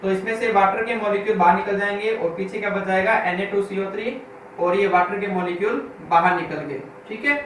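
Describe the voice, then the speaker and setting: A man teaching a school chemistry class. He speaks, asks the class questions and answers them himself, and repeats key terms slowly. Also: high voice, a bit bright. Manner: reads English textbook lines slowly, word by word. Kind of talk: classroom lecture. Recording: echoey room from far off, with faint noise.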